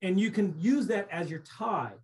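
A middle-aged man giving a relaxed recorded slideshow lecture on cave surveying over a webcam, explaining casually with frequent restarts. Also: high-pitched, normal speed. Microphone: webcam on a video call.

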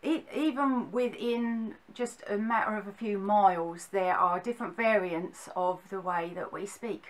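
A middle-aged woman from Suffolk speaks with a Suffolk accent in a medium-pitched voice. She takes her time, explaining casually and wandering a little as she hesitates between phrases. It sounds like an informal talk to camera at home. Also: unhurried, hardly any pauses. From Suffolk, England. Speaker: vlogger explaining local dialect. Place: small furnished room at home, indoors.

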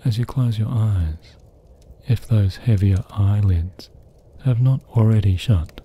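A man with a fairly low voice guides a sleep meditation, speaking softly and breathily in a soothing, gently hushed tone. He leaves long pauses between his phrases.

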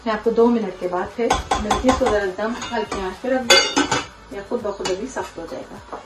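A woman's voice: mid-range voice, brisk. A woman in her thirties hosting a casual home cooking show, walking viewers through each step in her kitchen. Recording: background music under voice.

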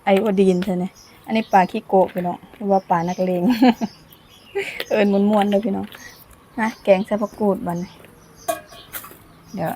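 A woman's voice: mid-range voice, moderate pace, mellow, a little hiss or hum. Chatty Lao woman cooking outdoors. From Laos. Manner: chatty, laughs often while talking. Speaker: cooking vlogger. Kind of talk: casual cooking vlog chat. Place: outdoors in sunshine. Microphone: camera filmed by her niece.

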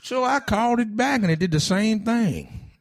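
A man's voice: high-pitched, lively intonation, moderate pace, no echo, studio quality. A man hosting a podcast, telling a rambling story in casual chat, cursing freely and restarting his sentences. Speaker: podcast host.

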